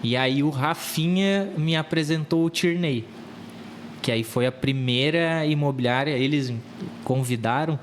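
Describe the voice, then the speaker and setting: A real estate agency owner in his thirties from southern Brazil tells his story as a podcast guest, speaking with a Rio Grande do Sul Brazilian Portuguese accent. His fairly high voice keeps a measured pace in casual interview talk, often repeating words as he searches for them, with a little hiss or hum on the recording.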